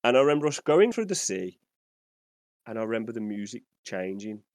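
A man's voice: fairly low pitch, very animated, a little fast, darkish tone, no room sound. A man co-hosting a gaming podcast, telling a story in a rambling, enthusiastic way. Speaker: podcast co-host. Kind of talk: casual storytelling chat.

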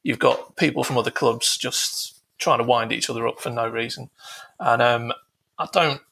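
A man's voice: mid-range voice, steady tone, moderate pace, gravelly, bright, forceful tone, slight background noise. A man guesting on a podcast, talking hesitantly with lots of ums and rambling asides. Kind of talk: casual chat.

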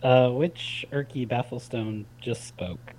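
A man's voice: mid-range voice, slow, darkish tone, poor audio. A man playing a tabletop game, thinking aloud with fillers. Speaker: player. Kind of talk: casual tabletop play.

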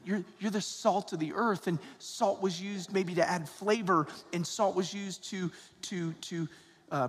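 A man with a fairly high voice and an American accent speaks as a priest at Mass. His words ring through a big church with long, cathedral-like echo. The delivery is that of a sermon, plain and addressed to a congregation. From Georgia, United States. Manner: conversational, folksy, often tags phrases with "right?" and "okay?". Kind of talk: sermon and Gospel reading at Mass. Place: large reverberant church interior. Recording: echoing church hall, long cathedral-like reverb.

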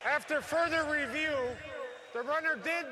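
A man's voice: very high voice, a little slow. A man calling a football play, heard from a noisy old broadcast recording played into the show. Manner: shouting excitedly. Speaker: football announcer. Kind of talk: game call in a played clip. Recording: loud noise, distant voice.

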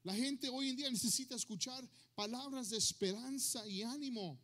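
In a very high-pitched, somewhat bright voice at normal speed, a male pastor gives a sermon to his church. He alternates between Spanish and English and keeps asking the congregation questions.

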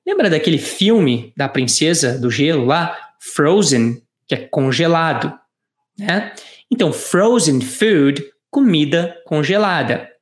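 An English teacher, giving a lesson and drawing out English phrases slowly for the listener to repeat. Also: medium pitch, animated. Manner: slow, drawn-out English phrases for repetition. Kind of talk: online language lesson. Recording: roomy echo.

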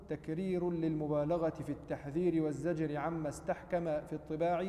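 A man reads a classical commentary aloud in a measured, steady way, his tone dark and mellow. The room is echoey, and a long reverb trails each phrase. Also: on the high side. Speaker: student reading the text aloud. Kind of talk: formal text reading.

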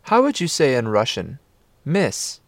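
Calm man narrating a language lesson. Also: medium pitch, unhurried, no echo, studio quality. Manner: calm, patient, prompting the listener to repeat. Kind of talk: scripted instructional narration.

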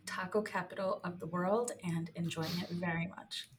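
A woman's voice: on the low side, steady tone, moderate pace, background noise. A woman in her thirties from New York, chatting on a podcast in a bubbly way and laughing often. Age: 30s. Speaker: podcast co-host. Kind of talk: casual chat.

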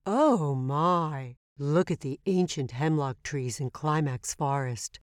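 A woman voicing a calm, knowledgeable, slightly cautious travel companion in a children's educational show, explaining things in a measured, carefully enunciated way. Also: deep voice, no echo, clean studio sound. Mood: patient, informative.

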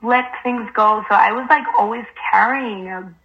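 A young woman whose first language is Spanish talks in an earnest, halting way and pads nearly every phrase with "like". Her voice sits at a middle pitch. The sound is a little muffled and lo-fi. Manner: hesitant, fills with "like" constantly, earnest. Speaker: guest. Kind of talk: casual conversation.

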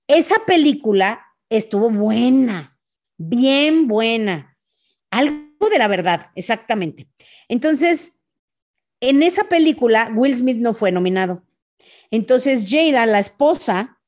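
A Mexican woman hosts a podcast and tells a story in a relaxed, chatty monologue, her voice slightly higher and her accent Mexican Spanish. She acts out the punches with sound effects and keeps tossing in quick asides.

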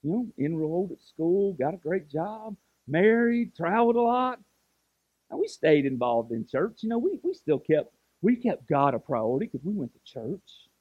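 A man's voice: high-pitched, very animated, normal speed, slightly rough, no echo, narrow, tinny audio. A man, preaching a storytelling sermon that builds to impassioned. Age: 40s. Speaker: pastor.

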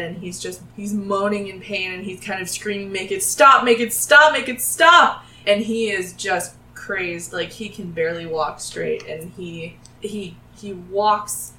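A woman narrating a tabletop game as the game master, animatedly acting out the characters' shouts. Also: medium pitch, a little hiss or hum. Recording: roomy, distant from the mic.

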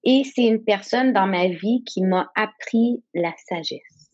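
A woman in her thirties, a native English speaker, talks in French as a guest entrepreneur in a candid, conversational interview, sounding reflective and searching for words. Her voice sits in the mid range, a little mellow, and she speaks slowly. The recording is muffled.

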